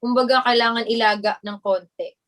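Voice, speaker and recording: A young woman co-hosting a live show, chatty and quick to laugh as she asks the guests questions. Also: fairly high pitch, fairly even intonation, a bit bright. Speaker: co-host. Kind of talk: casual live-show interview, Tagalog-English mix.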